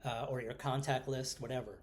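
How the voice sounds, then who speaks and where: A man's voice: medium pitch, fairly even intonation, fairly quick, a little hiss or hum. Rambling middle-aged man with a New York accent. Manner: rambling, self-deprecating, with fillers. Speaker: podcast co-host. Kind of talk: casual podcast chat.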